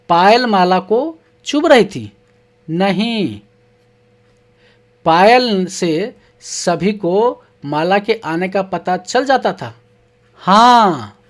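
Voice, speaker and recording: At an unhurried pace, a teacher guides young children through a textbook lesson in a middle-pitched voice. Each question is read aloud and then answered, and words are patiently split into syllables.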